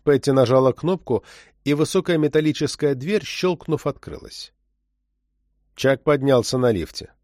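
Man reading an audiobook, steady even telling, mid voice, dry close mic. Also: mid-range voice, moderate pace, no room sound. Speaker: audiobook narrator. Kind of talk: scripted narration.

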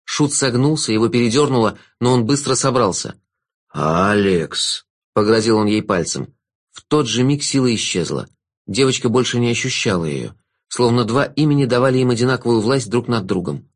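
A man narrating an audiobook with expressive storytelling. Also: mid-range voice, brisk.

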